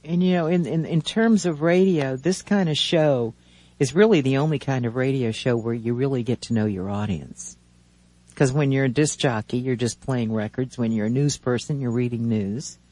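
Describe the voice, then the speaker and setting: A man in his seventies hosting a radio talk show from a studio, chatting casually in a rambling, halting way with many restarts. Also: mid-range voice, a little mellow.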